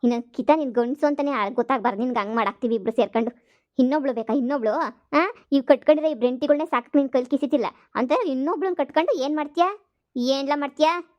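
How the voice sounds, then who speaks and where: A woman voicing an angry, sharp-tongued village wife in a cartoon comedy, cursing in a rapid tirade. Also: high voice, dry recording, close to an everyday voice. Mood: scheming anger. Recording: slightly dull, dry dub.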